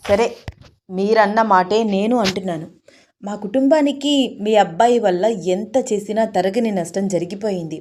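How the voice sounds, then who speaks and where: A woman storyteller voicing a blunt, meddling older woman who speaks loudly with grief and accusation. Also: medium pitch, moderate pace, close to an everyday voice. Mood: aggrieved. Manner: accusing, loud and tearful.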